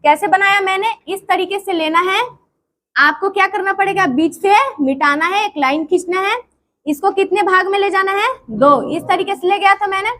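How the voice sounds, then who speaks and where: A woman's voice: extremely high pitch, moderate pace, fairly bright tone. A woman teaching a drawing lesson to a class, repeating each term and quizzing the students.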